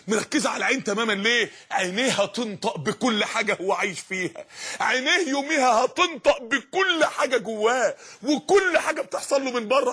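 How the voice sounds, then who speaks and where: A man preaching with an Egyptian accent, fervent and dramatic, rising to shouts and posing rhetorical questions. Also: very high-pitched, breathy edge. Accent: Egyptian Arabic. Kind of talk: impassioned sermon.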